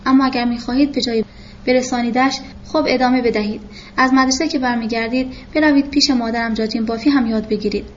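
A woman's voice: a little high, fairly even intonation, lo-fi sound, a little hiss or hum, close to an everyday voice. A woman reading the lines of a polite, slyly playful male doctor in his thirties, speaking formally.

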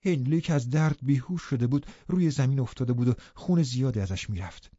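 Expressive male audiobook narrator, mellow and dry. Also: mid-range voice, no echo, dull audio. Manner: expressive, dramatic reading. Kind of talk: first-person audiobook narration of a classic novel.

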